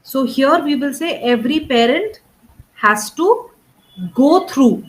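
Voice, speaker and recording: A woman's voice: high voice, animated, takes it slowly, poor audio. A woman tutoring English one-on-one. She works patiently through grammar and pronunciation corrections and keeps checking understanding with "right?" and "correct?". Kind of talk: one-on-one spoken English coaching.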